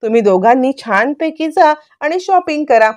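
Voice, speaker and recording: An old grandfather, agreeable and coaxing, as a woman reads him out. His voice lifts high and pleased. It's a soap-serial retelling. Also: lively intonation, moderate pace, a little mellow, no echo. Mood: approving.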